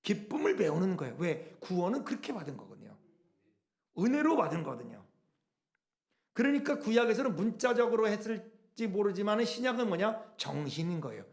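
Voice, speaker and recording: A middle-aged man delivers a sermon from the pulpit. His voice sits high and moves with lively swings in pitch. He poses question after question to the congregation and slips briefly into quoted voices. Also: a little fast. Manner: animated preaching with rhetorical questions; acts out quoted speech. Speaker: pastor.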